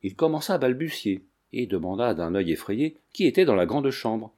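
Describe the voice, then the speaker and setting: A man narrating a classic novel in a steady, measured reading. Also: on the low side. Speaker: audiobook narrator.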